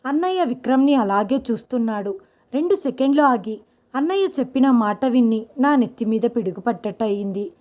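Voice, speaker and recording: A woman's voice: fairly high pitch, animated, brisk, a little mellow. A woman narrating a first-person family story, quoting the brother and uncle in her own voice.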